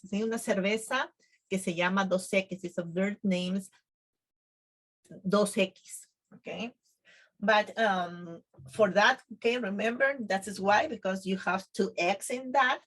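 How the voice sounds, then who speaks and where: Slow Latin American woman teaching Spanish. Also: medium pitch. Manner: slow and careful, with frequent ums and "okay?" check-ins; switches between English and Spanish, laughing often. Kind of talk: casual video lesson. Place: home filming.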